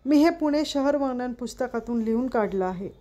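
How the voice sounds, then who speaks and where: A woman's voice: on the high side, lively intonation, moderate pace, mellow, natural voice. Woman doing a dutiful old-school schoolmaster. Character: fussy middle-aged male schoolmaster reading a list.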